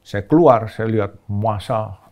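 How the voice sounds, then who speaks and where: A man, a podcast guest telling a story in casual chat, who acts out quoted shouts in a much higher voice. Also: a little slow.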